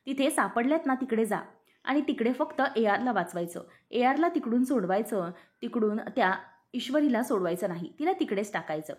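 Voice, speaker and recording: Scheming lady barking orders, woman narrator doing her, a bit lower and quieter. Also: lively intonation, brisk, lightly acted. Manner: commanding.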